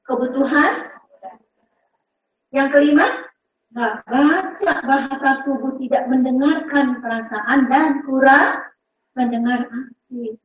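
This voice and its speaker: A woman's voice: high-pitched, takes it slowly, pauses often. A woman giving an interactive parenting seminar, quizzing the audience and acting out parent and child voices. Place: large seminar hall with audience. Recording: very echoey, distant, dull hall recording.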